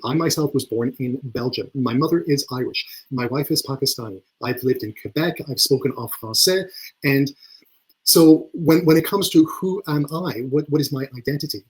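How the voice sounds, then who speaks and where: Male leadership coach, mid-pitch voice, earnest, full of restarts, webinar talk over a video call. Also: breathy edge, rough recording. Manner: earnest, repeats words often when starting phrases.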